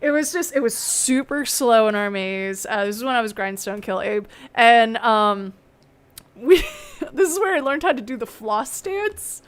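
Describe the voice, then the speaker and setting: A young woman hosting a casual chat, telling stories in a chatty, giggly, animated way. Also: on the high side, measured pace. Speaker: host.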